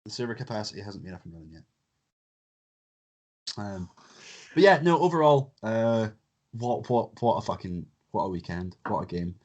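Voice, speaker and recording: A man's voice: fairly low pitch, expressive, moderate pace, pauses often, a little mellow. A young man hosting a casual podcast chat, joking and swearing freely. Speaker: podcast host.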